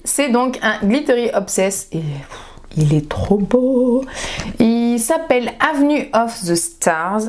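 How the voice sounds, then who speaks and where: Young woman gushing over makeup in a casual vlog, says stuff three times over, normal pitch. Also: darkish tone. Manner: gushing and enthusiastic, repeats words for emphasis. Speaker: beauty vlogger.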